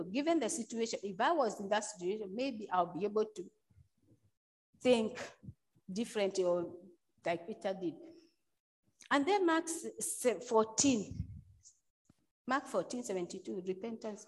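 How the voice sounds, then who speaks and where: A woman's voice: on the high side, lively intonation, unhurried, pauses often, poor audio. Conversational woman preaching a sermon. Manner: conversational, loose preaching with frequent "you know" and restarts.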